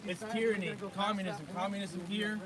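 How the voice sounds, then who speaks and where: A man's voice: high voice, a little fast, a loud crowd. A man missing his two front teeth speaking out at a protest, confrontational and repetitive, in an impassioned street-speech style. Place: outdoors at a state capitol protest. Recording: very noisy outdoor street recording.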